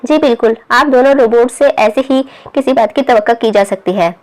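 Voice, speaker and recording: A woman's voice: fairly high pitch, normal speed, darkish tone, natural voice. A woman doing a chatty cheeky young girl. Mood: pleading, sassy.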